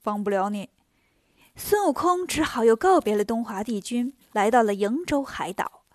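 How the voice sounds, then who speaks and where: Bright-voiced woman telling a story. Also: a little high, moderate pace, no echo, clean studio sound. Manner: lively, chatty, playful asides. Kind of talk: children's storybook narration.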